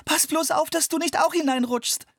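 A reader voicing a young girl caught up in an adventure, calling out in a high, strained voice. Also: moderate pace, vocal fry, no room sound, studio quality. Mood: panicked. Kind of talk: audiobook character voice.

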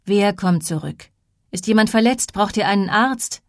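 Woman narrator as weary female dispatcher, monotone official phone manner, raised voice. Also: mid-range voice, moderate pace, dry recording, studio quality, natural voice. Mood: urgent. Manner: trained flat phone voice, growing urgent. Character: tired adult woman emergency dispatcher.

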